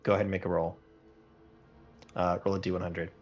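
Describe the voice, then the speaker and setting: A man narrating a tabletop game as game master, relaxed and thinking aloud as he goes. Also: low-pitched, brisk, soft background music. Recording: muffled, lo-fi recording.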